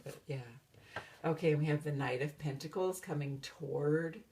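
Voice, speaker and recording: Woman, tarot reader, casual, dreamy, meandering, fillers, gravelly, low. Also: a little mellow. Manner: self-described valley-girl talk. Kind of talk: casual spoken tarot reading.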